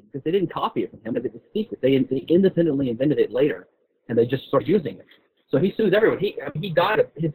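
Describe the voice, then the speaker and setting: A husky, medium-pitched male voice belongs to a guest expert on patent law taking part in an informal discussion. He explains things while often repeating and rephrasing himself, and the audio sounds roomy and phone-like, as if from a call.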